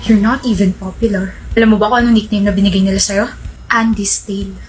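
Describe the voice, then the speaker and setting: A woman's voice: medium pitch, steady tone, quick pace, soft background music, natural voice. A woman playing a domineering young boyfriend. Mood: taunting. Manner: taunting and domineering. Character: pushy, arrogant young male student boyfriend. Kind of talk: Tagalog skit role-play.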